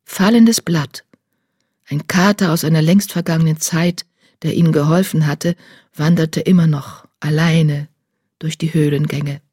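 A reader calmly narrating a children's animal novel in measured storytelling. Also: mid-range voice, husky, no echo, clean studio sound. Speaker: audiobook narrator. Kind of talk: scripted narration.

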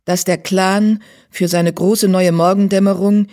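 A man narrating an animal adventure audiobook in a steady, dramatic storytelling manner. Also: sits high, unhurried.

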